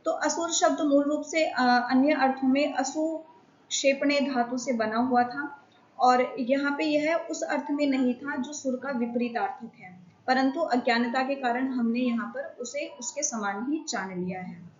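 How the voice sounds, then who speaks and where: Woman prof giving a lecture, high voice, slow and explain-y, kinda dull lo-fi sound. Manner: slow, explanatory, with many drawn-out pauses. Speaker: assistant professor of Sanskrit.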